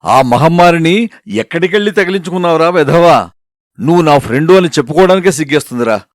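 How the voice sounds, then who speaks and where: A man's voice: fairly high pitch, animated, fast talker, dry recording, natural voice. Teasing, scolding pal, read by a male storyteller, close and dry. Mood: mocking. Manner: mocking, scolding.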